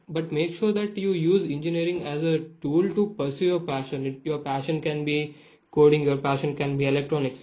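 Young male co-host, Indian accent, fairly high voice, explanatory podcast chat, slightly dull recording. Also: darkish tone. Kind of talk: casual podcast discussion.

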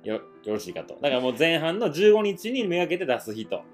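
Kansai guy telling stories on a podcast, fast and really lively pitch, music underneath. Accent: Kansai Japanese. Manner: animated storyteller, acts out quoted dialogue. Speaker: podcast co-host. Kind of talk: casual storytelling chat.

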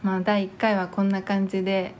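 A woman's voice: mid-range voice, level tone, fairly quick, darkish tone, slight background noise. A woman in her thirties from Hokkaido with a light Hokkaido accent, co-hosting a podcast in rambling, giggly casual chat. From Hokkaido, Japan. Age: 30s. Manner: chatty, giggly, rambling with fillers. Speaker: podcast co-host.

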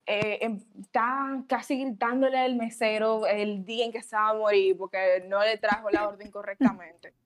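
A woman, co-hosting a casual chat in an emphatic, expressive way. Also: medium pitch, normal speed, hardly any pauses.

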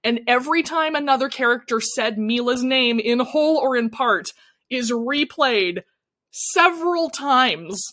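A woman's voice: sits high, animated, measured pace, a bit bright. A woman co-hosting a casual podcast, animatedly recapping a TV episode and acting out characters' lines. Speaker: podcast co-host recapping a TV show. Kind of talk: casual chat.

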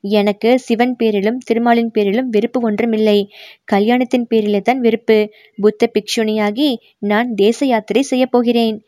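Brief: woman reading a shy young maiden, high-set, close dry audiobook. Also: steady tone, normal speed, mellow, no room sound, close to an everyday voice. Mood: earnest. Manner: pleading, coy. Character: young sculptor's daughter, shy and emotional.

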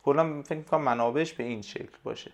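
Guy with a gravelly voice, tutor on a podcast, talks slow and unsure with lots of uhs. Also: medium pitch. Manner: hesitant, explanatory, frequent pauses and fillers. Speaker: language tutor, podcast guest. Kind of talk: casual conversational interview.

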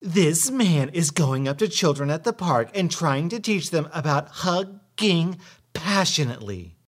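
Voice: mid-range voice, sing-song, measured pace, pitched above the performer's own voice. A narrator voicing an indignant, self-righteous middle-aged mother who scolds a stranger in a park. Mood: accusing.

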